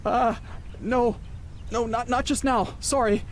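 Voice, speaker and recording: Against loud vehicle ambience and heavy background noise, an actor voices a haunted driver telling of his trip across the country in first-person radio drama. He speaks slowly in a very high-pitched, steady tone, sounding flustered, brooding in narration and stammering when agitated as he becomes increasingly frantic.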